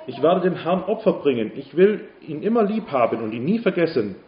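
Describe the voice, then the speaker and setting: A man's voice: a little high, big pitch swings, brisk, voice pushed up. A man voicing a rich, sick foreign commander who talks in emotional exclamations, in a dull, roomy recording with faint hiss. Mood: grateful.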